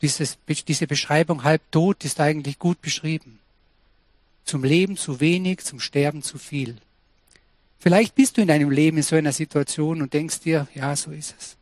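A man's voice: a little high, normal speed, dry recording. A man preaching a sermon, earnest and personal, speaking directly to his listeners. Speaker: pastor.

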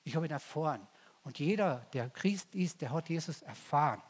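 Folksy male preacher, slightly high and husky, long hall reverb. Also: expressive, normal speed. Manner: folksy, asks the congregation rhetorical questions. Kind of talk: sermon.

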